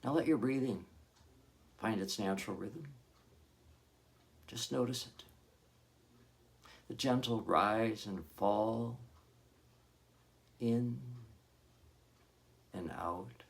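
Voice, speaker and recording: Long pauses mark this guided meditation from a male hypnotherapist whose fairly low voice carries vocal fry. He delivers calm, gentle instructions throughout.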